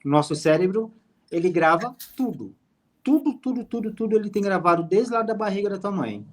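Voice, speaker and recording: A man, a hypnotherapist guest calmly explaining his work in an interview. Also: high-pitched, a little fast. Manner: calm, explanatory storytelling. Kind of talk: interview conversation.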